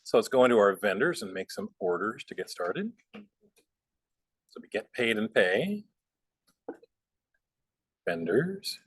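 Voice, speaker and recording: Dry-sounding relaxed male instructor. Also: on the low side, takes it slowly, long pauses, breathy edge, no room sound. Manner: relaxed, rambling, lots of fillers. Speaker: bookkeeping instructor. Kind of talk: casual software class with chatty asides.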